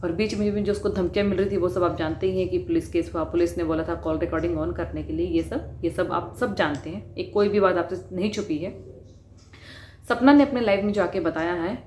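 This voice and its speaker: A woman's voice: on the low side, fairly even intonation, brisk, a little mellow. A woman vlogger giving an earnest, questioning commentary on a dispute. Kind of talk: spoken commentary. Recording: roomy with faint noise.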